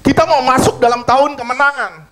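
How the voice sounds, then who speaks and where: High-voiced male pastor preaching emphatically. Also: fairly even intonation, fairly quick, a bit bright, low-quality recording. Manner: emphatic preaching with heavy repetition of phrases; conversational, personal testimony told to the congregation. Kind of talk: sermon.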